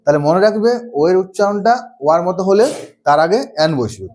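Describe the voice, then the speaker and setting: A man's voice: sits high, quick pace, darkish tone, a little hiss or hum. A man teaching English grammar. He keeps asking his students questions, answers them himself and repeats the key rules. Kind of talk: classroom-style lesson.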